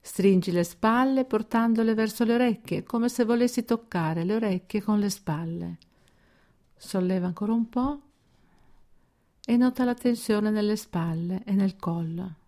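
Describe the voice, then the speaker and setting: Here a woman narrates scripted progressive muscle relaxation in a medium-pitched voice, offering measured, calm guidance punctuated by deliberate pauses.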